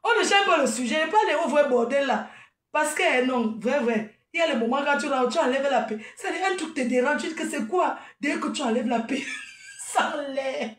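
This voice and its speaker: A woman's voice: high-pitched, normal speed, far from the mic. A woman talking straight to her audience in an unscripted live video, scolding her critics and then chatting and laughing with them. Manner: chatty and laughing, calls listeners "maman". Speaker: event planner and vendor. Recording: echoey room, voice off-mic.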